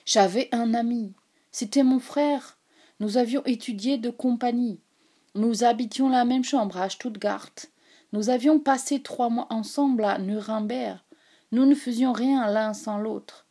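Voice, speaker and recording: A woman's voice: a little high, drawn-out words, long pauses, in a whisper, heavily acted. A woman voicing an anguished officer crying out. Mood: sorrowful. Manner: despairing, bursts into cries. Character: anguished German officer, man, middle-aged.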